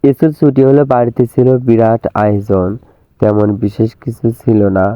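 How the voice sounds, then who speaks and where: A man reading a romantic story aloud as narrator, in a steady reading voice, on a tinny narrow-band recording. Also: mid-range voice, moderate pace, clear, resonant tone, no echo.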